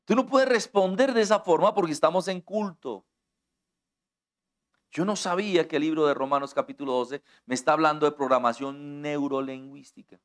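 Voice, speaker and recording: Middle-aged Colombian pastor, a touch high in pitch, preaches directly to the congregation and leans on everyday examples. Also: male voice, normal speed, fairly bright tone. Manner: direct, conversational preaching that addresses listeners personally; explains with everyday examples and acts out quoted dialogue. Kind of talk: sermon.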